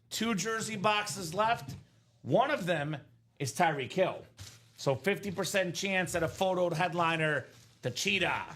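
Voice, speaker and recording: A man in his thirties hosting a live card break, chatty and energetic, calling out names and teams. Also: high-pitched. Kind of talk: live stream commentary.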